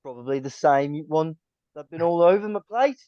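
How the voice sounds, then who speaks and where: A man's voice: fairly high pitch, animated, normal speed, no echo, natural voice. A man playing a dry-witted, grumbling father in an audio drama. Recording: dry, dull lo-fi recording.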